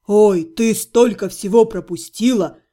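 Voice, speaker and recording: A woman reading an audiobook voices an excitable, bearded male half-gnome who exclaims eagerly. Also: mid-range voice, measured pace, voice pushed down, lightly acted. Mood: excited.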